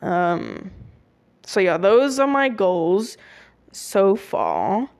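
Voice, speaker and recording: A woman's voice: mid-range voice, huge pitch swings, drawn-out words, darkish tone. A young woman of nineteen hosting a solo podcast, chatting casually with many fillers and self-corrections. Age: young adult. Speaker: podcast host.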